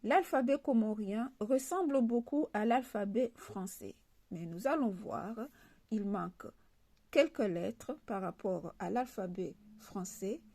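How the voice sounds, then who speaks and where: A woman's voice: medium pitch, lively intonation, slow pace, mellow. A woman teaching a language lesson, explaining letters patiently and repeating each example word. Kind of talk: slow spoken alphabet lesson.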